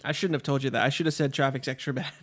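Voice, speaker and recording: A man's voice: medium pitch, steady tone, racing, a bit bright. Joking, rambling man co-hosting a podcast. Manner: rambling, joking, eats while talking. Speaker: podcast co-host. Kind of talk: casual chat. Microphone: studio microphone.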